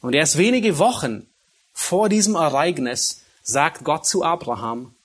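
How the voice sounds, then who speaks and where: A man preaching an expository sermon. He reads scripture slowly and swells into emphatic phrases, often stumbling and repeating words. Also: fairly high pitch, expressive.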